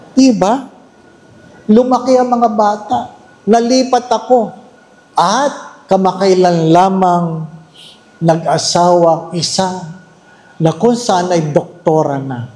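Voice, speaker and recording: Slow, high-voiced joking priest. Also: male voice, dark tone, roomy sound, slight background noise. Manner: joking anecdotal storytelling to a congregation. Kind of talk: humorous Lenten homily. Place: church.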